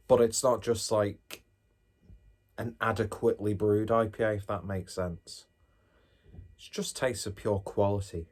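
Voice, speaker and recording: A man giving a casual tasting review to viewers, musing aloud with chatty, self-deprecating asides. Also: lowish voice. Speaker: beer reviewer, host.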